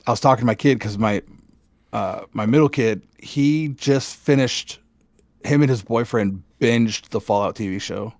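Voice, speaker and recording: A middle-aged man chats as co-host of a gaming podcast. He sounds animated, laughs easily and keeps restarting sentences. His voice sits at an ordinary pitch, and the recording is dry and close. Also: normal speed, no room sound. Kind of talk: casual gaming chat.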